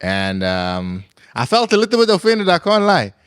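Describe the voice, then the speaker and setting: A man's voice: fairly high pitch, wildly swooping pitch, moderate pace, a bit bright, smooth, no echo, studio quality. A young man from Congo with a Cape Town accent, hosting a casual podcast interview in an easygoing, slangy way. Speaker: podcast host. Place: podcast studio.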